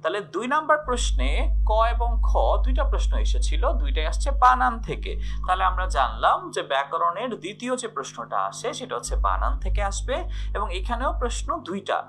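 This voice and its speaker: A man's voice: high-pitched, huge pitch swings, a little fast, fairly bright tone, faint music behind. A man teaching an exam-prep grammar lesson in Bangladeshi Bengali, explaining step by step and answering his own questions.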